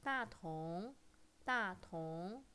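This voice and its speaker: A woman's voice: fairly low pitch, expressive, very slow, bright, forceful tone, clean tone. A woman carefully pronouncing model words for a language lesson, saying each word twice. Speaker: pronunciation model. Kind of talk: slow model pronunciation.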